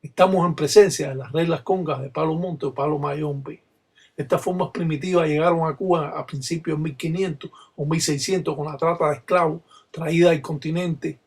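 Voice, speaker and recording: A man, a Palo Mayombe practitioner, explaining a ritual in Spanish and reciting its chants in a steady rhythmic way. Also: a little high, slightly rough. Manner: rhythmic call-and-response recitation.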